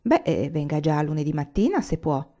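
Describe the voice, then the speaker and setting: A woman reading the part of a gentle, mild-voiced dressmaker in a storybook. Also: low-pitched, big pitch swings, normal speed, lo-fi sound.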